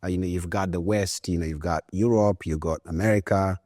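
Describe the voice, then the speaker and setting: A man in his forties who grew up in Uganda, a guest entrepreneur answering interview questions in a relaxed, thoughtful way with frequent fillers. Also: low-pitched, a little fast, dry recording, studio quality. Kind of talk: conversational interview.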